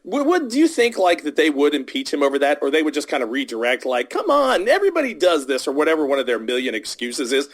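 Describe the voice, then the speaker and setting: A man's voice: mid-range voice, expressive, fast talker, few pauses. A man hosting a political podcast in casual chat, rambling with many restarts and filler words. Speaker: podcast host. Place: podcast studio, recorded in the US South.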